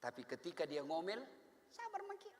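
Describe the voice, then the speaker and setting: Recorded in an echoing large hall, a brisk preacher whose voice sits on the high side delivers a funny Islamic sermon. His Makassar Indonesian accent colors the lively jokes as he mimics wives and husbands.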